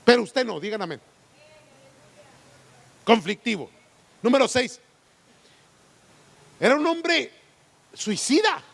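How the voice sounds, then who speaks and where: A man's voice: very high-pitched, sing-song, slow pace, vocal fry, pauses often, a bit bright. A man, preaching a sermon as pastor, full of rhetorical questions. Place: church sanctuary. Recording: long church hall reverb.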